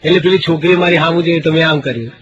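A man's voice: a little high, racing, muffled recording. A middle-aged Gujarati man telling comic stories on stage, acting out the voices of the people in them. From Gujarat, India. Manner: animated, acts out quoted voices for jokes. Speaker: stand-up comedian. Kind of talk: stand-up comedy storytelling. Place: stage before a live audience. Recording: live show with loud crowd laughter.

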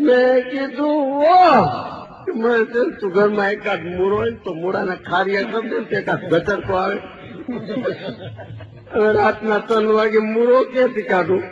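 A man's voice: moderate pace, crowd noise, close to an everyday voice. A man voicing an exasperated village wife who nurses a demanding husband, told as comic storytelling. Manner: comic storytelling, high mock-female voice. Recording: dull live stage sound with audience.

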